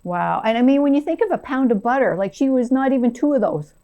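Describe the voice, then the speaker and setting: A woman's voice: high-pitched, expressive, fast talker, warm tone, muffled recording. Woman hosting a local TV interview. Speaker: host.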